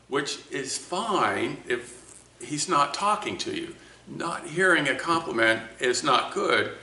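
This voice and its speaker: Slow, reflective man in an echoey room. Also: mid-range voice, bright, forceful tone, a little hiss or hum. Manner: slow, reflective, with many restarts. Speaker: speaker of a talk series. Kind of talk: personal talk to camera. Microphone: camera mic.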